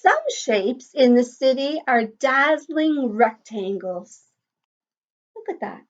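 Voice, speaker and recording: A woman teacher with a high, sing-song voice reads a picture book aloud slowly to young children. She encourages them with questions and sing-song asides, and the recording sounds slightly dull.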